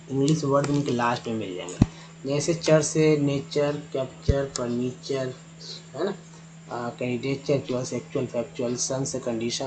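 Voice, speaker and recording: During a Hindi-language phonics lesson at a board, a man teaches English pronunciation, patiently spelling words letter by letter and repeating each sound. His voice is medium-pitched and darkish, and the rough recording carries slight background noise.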